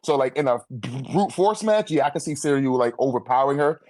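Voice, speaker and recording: Recorded with no room sound, an American man with a medium-pitched, darkish voice and lively intonation talks a little fast in a casual fan debate. His speech is slangy and profane, peppered with "like" and "you know what I'm saying".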